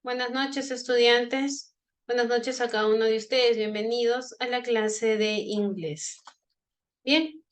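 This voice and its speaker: Bilingual woman teacher, fairly high voice. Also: steady tone, slow. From Peru. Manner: bilingual, repeats greetings in English and Spanish. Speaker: English teacher. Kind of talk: online class teaching.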